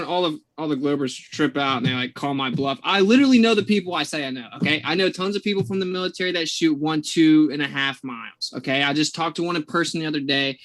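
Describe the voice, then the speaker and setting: Dude arguing in a debate, lecture-y and sure of himself, slightly high voice. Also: male voice, fairly bright tone. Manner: assertive, lecturing, repeats "okay". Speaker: debate guest. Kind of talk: debate argument.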